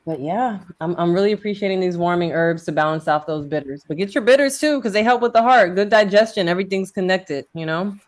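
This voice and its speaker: A woman's voice: lowish voice, fast talker, few pauses. An enthusiastic woman herbalist leads a casual group conversation. She sounds folksy and eager, and she keeps calling her listeners y'all. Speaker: herbalist host.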